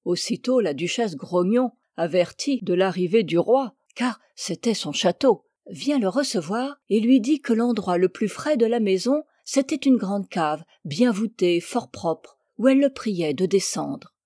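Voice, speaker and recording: A woman reading a classic fairy tale aloud in a measured, expressive storybook narration. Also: mid-range voice, no room sound, clean studio sound. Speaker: reader.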